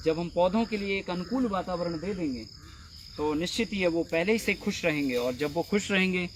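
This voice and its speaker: Male field trainer, fairly high voice, patient and repetitive, outdoors with faint insect noise. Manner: patient, repeats words, addresses trainees directly. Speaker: farming trainer.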